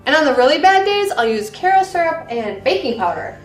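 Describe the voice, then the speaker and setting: A woman's voice: high-pitched, very animated, a little fast, faint music behind. A woman playing a ditzy, cheerful friend in a comedy sketch who overshares matter-of-factly. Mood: cheerfully oddball. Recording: echoey room, distant mic.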